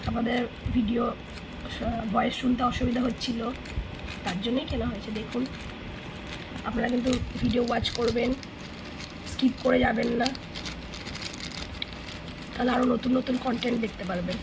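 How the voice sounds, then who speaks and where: A woman with a Bengali accent, hoarse from a cold, talking casually to viewers in a family vlog and coaching a child through yoga. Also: on the high side, steady tone, normal speed, long pauses, very noisy. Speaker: family vlogger.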